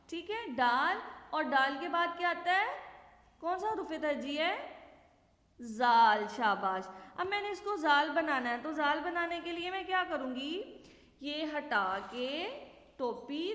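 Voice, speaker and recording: A woman teaching young children their letters, slow and patient, asking questions and then answering them herself. Her voice sits high. The recording is echoey, with a long reverb hanging on each word. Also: a bit bright. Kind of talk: children's alphabet lesson.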